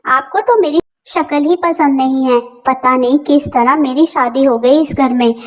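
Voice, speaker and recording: A woman's voice: high voice, normal speed, natural voice. A woman voicing a quarrelsome young wife who sarcastically threatens to leave for her parents' home. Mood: sulky. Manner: whiny, sarcastic, dramatic.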